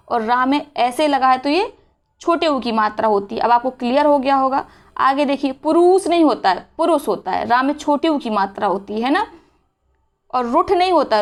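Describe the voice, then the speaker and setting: A woman teaching a spelling lesson for exam preparation, explaining step by step and asking and answering her own questions. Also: sits high. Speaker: Hindi teacher.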